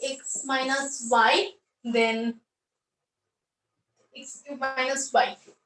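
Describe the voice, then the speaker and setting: A woman's voice: high voice, flat delivery, unhurried, a bit bright, far from the mic. A woman teaching math step by step, asking questions and then answering them herself. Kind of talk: explaining a math lesson step by step. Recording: roomy echo, voice off-mic.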